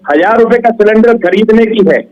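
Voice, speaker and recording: A man's voice: sits high, moderate pace. Male debate guest, insistent and combative, lo-fi remote line. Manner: forceful, talks over others, rhetorical questions. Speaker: party spokesperson guest. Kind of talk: heated political debate.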